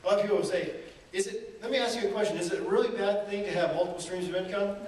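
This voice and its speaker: A man's voice: sits high, rapid-fire, darkish tone. A man giving a live seminar talk, telling stories and asking the audience rhetorical questions with lots of energy. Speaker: motivational speaker. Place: event hall. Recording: echoey room from far off, faint noise.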